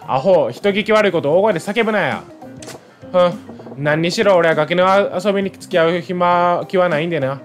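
A tough, blunt gangster scolds in a Kansai accent, as a man reading game lines puts him on. He talks short and rough. The voice sits a little high. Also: brisk, faint music behind, lightly acted. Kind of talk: reading game dialogue aloud.

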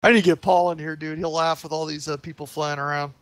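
A man's voice: fairly high pitch, little pitch movement, fast talker. A man hosting a multiplayer flight game session, chatting casually and cracking crude jokes. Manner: crude jokes, laughs often. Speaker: YouTube gamer hosting the session. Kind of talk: casual gaming chat. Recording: noisy voice chat over game sounds.

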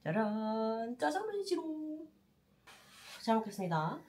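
At her kitchen table at home, a young Korean-accented cooking vlogger cooks, eats and chats in rapid-fire bursts, sprinkling in Korean phrases. Her slightly high, darkish voice swings widely in pitch as the pan fries and sizzles.

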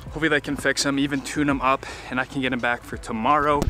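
A man's voice: medium pitch, little pitch movement, fast talker, loud music behind the voice. Laid-back young man vlogging on the slopes. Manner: easygoing, rambling with many likes and restarts. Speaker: ski vlogger. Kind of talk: casual vlog talk to camera. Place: outdoors on ski slopes and in a parking lot. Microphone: action camera on helmet or handheld.

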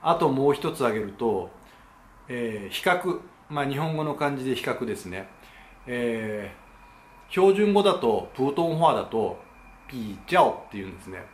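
In an echoey room with faint ambience and a little background noise, a channel host talks to camera in a casual explainer. His medium-pitched voice is expressive and moves at a normal speed. He explains politely and casually, with plenty of hesitation fillers.

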